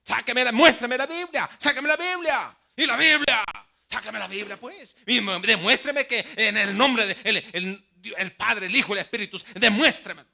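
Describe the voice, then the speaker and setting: A man doing a loud pushy zealous churchgoer. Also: very high voice, normal speed, gravelly, voice pushed up, heavily acted. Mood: demanding. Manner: loud insistent demanding questions. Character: pushy zealous male church member, insistent.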